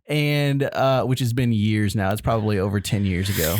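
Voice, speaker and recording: A man in his thirties co-hosting a podcast, telling a funny story in a relaxed, casual way, laughing as he goes. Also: on the low side, moderate pace, no room sound, clean studio sound. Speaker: podcast co-host.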